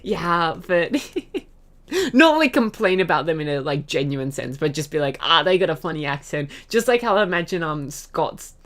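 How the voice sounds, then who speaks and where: A woman's voice: lowish voice, big pitch swings, measured pace. A young Australian woman streaming, chatting casually with her audience, giggling often and rambling through fillers and restarts. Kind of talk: casual chat reading chat messages.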